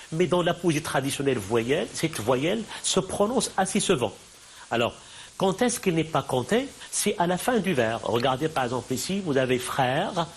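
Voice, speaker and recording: Male university lecturer, slightly high voice, stop-start delivery with rhetorical questions, faint hiss behind. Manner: halting, repeats words, asks rhetorical questions.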